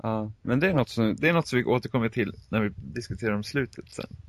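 A man's voice: mid-range voice, animated, no echo. A man casually discussing a video game, guiding the conversation and hedging with fillers. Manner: steers the talk, hedging with fillers.

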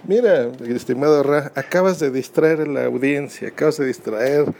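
A man's voice: on the high side, normal speed, creaky, a little mellow, slight background noise. A Mexican man giving casual podcasting advice, talking into his phone and asking the listener rhetorical questions. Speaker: podcast host.

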